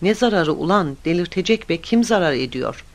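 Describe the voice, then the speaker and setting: A short-fused construction boss barks and sneers at his workers with loud, impatient scorn. A man puts him on as he reads the story aloud, in a slightly raised voice. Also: high voice, animated, brisk, voice pushed up. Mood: angry. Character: hot-tempered bossy male construction boss.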